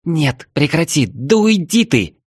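A man's voice: mid-range voice, animated, normal speed, slightly rough, dry recording, studio quality, pitched above the performer's own voice. A male reader voicing a frightened young woman from the capital, anxious and pleading. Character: frightened young Moscow woman on a river trip.

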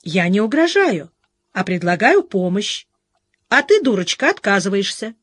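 A woman's voice: mid-range voice, big pitch swings, normal speed, breathy edge, no echo. Woman reading a firm fussing husband. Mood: insistent. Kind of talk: audiobook character reading.

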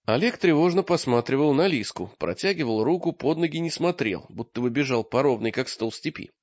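A man reading an audiobook in expressive scripted narration, recorded with a dull lo-fi sound. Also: mid-range voice, a little fast, no echo. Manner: lively, expressive storytelling.

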